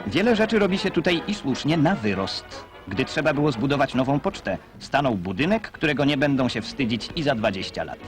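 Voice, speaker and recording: A man giving formal, measured scripted narration as an old newsreel voice-over, recorded on a 1960s newsreel soundtrack. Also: mid-range voice, big pitch swings. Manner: formal, measured announcer delivery. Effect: old newsreel voice-over over music.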